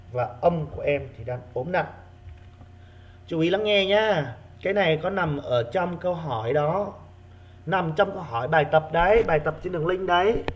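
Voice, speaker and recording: A male primary school teacher giving an online reading lesson, repeating key words slowly for his pupils. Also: fairly high pitch.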